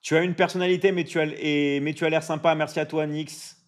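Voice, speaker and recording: A man's voice: on the high side, flat delivery, a little fast. A man, likely in his thirties, hosting a casual livestream, chatting with viewers and repeating himself with lots of fillers. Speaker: livestream host. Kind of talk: casual live-stream chat reading viewer comments.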